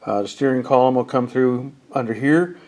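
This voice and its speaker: In his home garage, a man in his fifties with a head cold casually shows off his car build for his garage channel. The workshop walkthrough is relaxed and plain-spoken with fillers, delivered at medium pitch and moderate pace over a faint hiss or hum.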